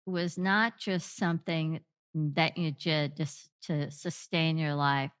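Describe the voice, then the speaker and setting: Woman podcast host, slightly low voice, unhurried and gentle, leaves long reflective pauses. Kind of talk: reflective conversational interview.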